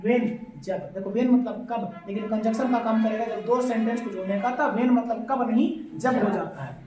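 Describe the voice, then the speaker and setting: A woman's voice: on the high side, normal speed. Echoey classroom teacher, a woman. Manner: repeats points as questions to the class; mixes Hindi and English phrases. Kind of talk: classroom grammar lesson. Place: classroom with students. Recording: echoey room, voice from far off.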